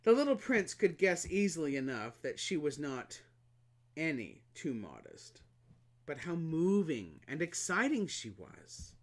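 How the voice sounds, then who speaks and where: A man reading a children's storybook aloud, expressive and animated, with playful asides. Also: fairly high pitch, unhurried. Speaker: reader.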